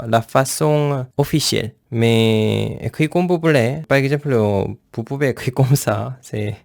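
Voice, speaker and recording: Very slow gravelly male language teacher. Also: medium pitch, dry recording, studio quality. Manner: slow, patient, repeats each syllable twice while writing; simple plain phrasing, explains step by step. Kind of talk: beginner language lesson.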